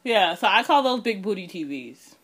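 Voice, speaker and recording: A woman's voice: medium pitch, normal speed, slightly rough. A woman chatting casually on a podcast, telling stories and acting out other people's lines. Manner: animated storyteller, acts out voices. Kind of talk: casual chat.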